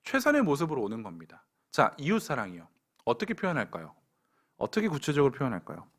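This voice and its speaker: A man's voice: medium pitch, wildly swooping pitch, fast talker. A young adult man preaching a sermon to a church young adults group, pointed and direct with playful asides. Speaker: pastor.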